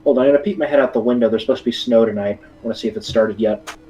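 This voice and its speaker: A man's voice: mid-range voice, racing, dark tone, lo-fi sound, faint music behind. A man from South Texas bantering casually and easily as a co-streamer. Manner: easygoing, laid-back banter. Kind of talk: casual chat.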